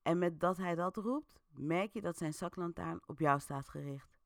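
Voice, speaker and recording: A woman's voice: lowish voice, moderate pace, gravelly, no echo, clean studio sound. A woman hosting an interactive story, narrating casually with a chatty, playful manner and many fillers. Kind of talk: casual storytelling with audience votes.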